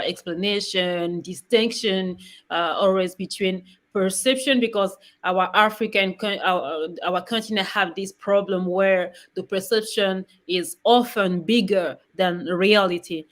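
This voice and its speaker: A middle-aged woman from Rwanda speaks in a webinar presentation, her voice sitting a little low for a woman. She talks haltingly, often stopping on fillers and repeating words before moving on. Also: fairly bright tone. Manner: frequent fillers and restarts, halting. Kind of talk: hesitant spoken presentation.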